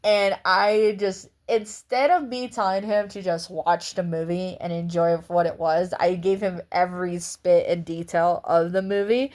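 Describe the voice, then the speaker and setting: A woman's voice: on the low side, steady tone, moderate pace, few pauses, a little mellow. A woman giving a casual vlog book review in a chatty, rambling way, often breaking into laughs.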